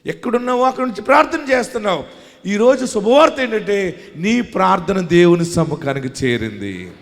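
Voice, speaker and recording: Male pastor preaching, raised pitch, rallies the congregation, recorded in an echoing hall. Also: expressive, normal speed, gravelly. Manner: swings from quiet talk to loud shouting; calls on the congregation to shout hallelujah. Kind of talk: sermon. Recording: long hall reverb.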